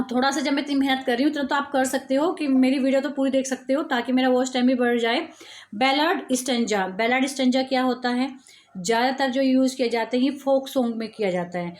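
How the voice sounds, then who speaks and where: A woman teacher giving an exam-prep lecture, explaining slowly and repeating key terms. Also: high-pitched.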